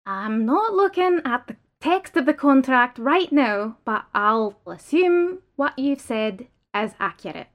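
A woman's voice: high voice, lively intonation, slow, few pauses, highs cut off, voice pushed up. A woman reading the lines of an indignant male worker in an audiobook, pressing and insistent. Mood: incredulous. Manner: pleading, raised and insistent.

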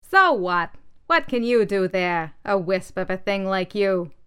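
A woman doing a loud scornful Hammerhead. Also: medium pitch, expressive, unhurried, clear, resonant tone. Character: scornful hammerhead scrap, blustering.

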